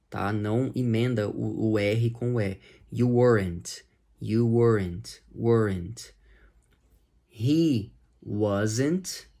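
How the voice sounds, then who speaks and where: A man with a Brazilian Portuguese accent teaching English grammar, patiently repeating example phrases slowly. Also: medium pitch, dark tone.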